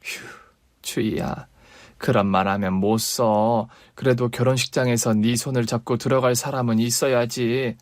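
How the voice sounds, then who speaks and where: A man's voice: fairly high pitch, moderate pace, no room sound, lightly acted. A man voicing a hurt, long-suffering middle-aged mother who talks in a pleading, emotional way. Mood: gentle.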